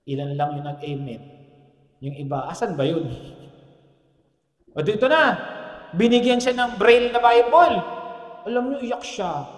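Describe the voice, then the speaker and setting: A man's voice: high voice, lively intonation, a little slow, long pauses. A man preaching a sermon as pastor, telling a story and asking the congregation for amens, with jokes along the way. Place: church hall. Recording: echoey hall, long reverb.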